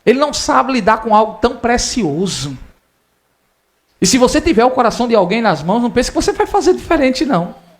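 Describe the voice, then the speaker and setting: A man preaching a sermon in church, emotional and direct, often calling listeners brother and rising loud on appeals. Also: extremely high pitch, big pitch swings, brisk. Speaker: pastor.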